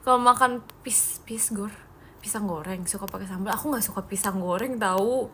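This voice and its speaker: A woman's voice: medium pitch, normal speed, pushed and bright, slight background noise. A young woman chatting playfully and teasing her viewers as she reads live-stream comments aloud. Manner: playful, giggly, teasing, addresses viewers as "guys". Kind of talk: casual live-stream chat reading comments.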